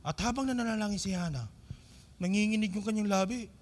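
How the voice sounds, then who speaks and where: A male pastor with a Filipino accent, preaching a sermon to his congregation and asking them questions, mixing English phrases into his talk. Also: quick pace. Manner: swings between loud emphatic lines and quiet low asides.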